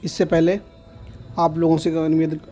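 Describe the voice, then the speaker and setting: Male meditation guide, earnest and explanatory, soft music faintly behind. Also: on the high side, level tone, moderate pace. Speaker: meditation teacher. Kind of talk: instructional talk to camera.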